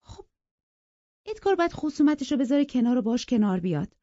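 A woman's voice: high voice, sing-song, mellow, dry recording, voice pushed up. A woman doing a fiery young woman in love. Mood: pleading. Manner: impassioned, pleading and defiant. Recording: dry, dull lo-fi recording.

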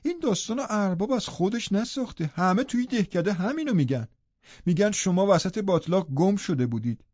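A man's voice: high voice, expressive, a little mellow, no room sound, dull audio, pitched above the performer's own voice. A man reading an audiobook voices a gossipy, nosy middle-aged woman servant who keeps firing questions. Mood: insistent. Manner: prying, breathless questioning. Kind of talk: audiobook character voice.

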